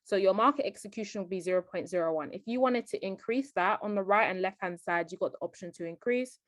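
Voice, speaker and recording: A woman's voice: mid-range voice, fast talker, dry recording, clean studio sound. A woman giving a trading tutorial as a voice-over on a screen recording, explaining step by step and often checking in with the viewer. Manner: explanatory, keeps checking in with "okay?".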